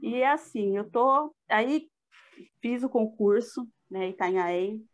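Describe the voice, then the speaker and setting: A middle-aged woman with a Brazilian Portuguese accent speaks slowly in a fairly high voice. As a guest speaker at a live talk, she gives an earnest, reflective personal testimony, using frequent fillers.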